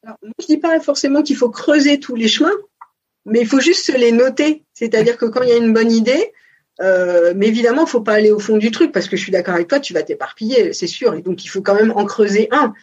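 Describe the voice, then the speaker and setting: A woman's voice: on the high side, a little fast, darkish tone, slightly rough. A woman in her forties, a business founder, talking through her experience in a casual interview, thoughtful and hesitant with many fillers. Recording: dull lo-fi sound.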